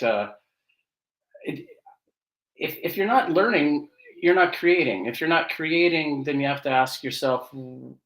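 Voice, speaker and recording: A man's voice: mid-range voice, fairly bright tone, echoey room. A man chatting casually on a video call, thoughtful with hesitant restarts, through a tinny, metallic-sounding tin-can mic. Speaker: regular co-host on a video call. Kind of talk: casual chat. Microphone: poor computer mic on a video call.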